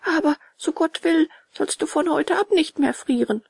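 A woman voicing a brave, earnest wooden puppet boy in a high, eager voice. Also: moderate pace, creaky, darkish tone, no room sound.

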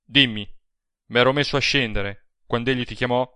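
A man reading an audiobook, voicing a burly, brooding man who speaks in a rough, tense tone. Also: mid-range voice, moderate pace, dry recording, lightly acted. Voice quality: rough, dark tone.

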